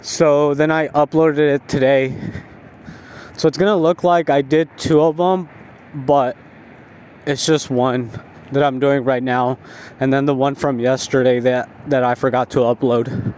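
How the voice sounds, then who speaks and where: A man who is high and tired, talking in a laid-back, rambling stoner drawl, like a casual spoken diary. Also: steady tone, measured pace, a little mellow. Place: outdoors, walking along a residential street at night. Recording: outdoor street noise with passing cars.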